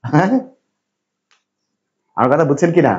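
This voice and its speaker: A Bangladeshi man teaches English to a class in a lecture, repeatedly asking the students questions and reassuring them. His voice sits fairly high and is animated, and he speaks without hurrying. The recording has its high frequencies cut off.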